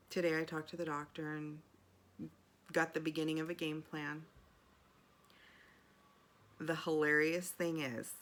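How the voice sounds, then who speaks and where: Low, gravelly-voiced woman sharing candidly. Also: a bit bright. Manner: candid, heartfelt, rambling with restarts. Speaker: video journal host. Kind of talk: personal video diary.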